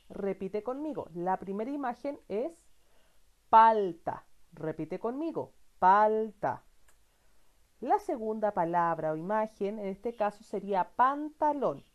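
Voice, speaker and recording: A woman leads a children's reading lesson, speaking slowly and patiently. Her pitch rises and falls a lot as she encourages the listener and answers her own questions. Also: darkish tone. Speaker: teacher.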